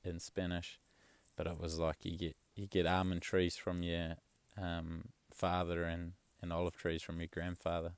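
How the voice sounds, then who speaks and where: Deep gravelly man, easygoing. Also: normal speed, few pauses, dry recording. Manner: relaxed, rambling, swears casually. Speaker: travel vlogger. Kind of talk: casual chat.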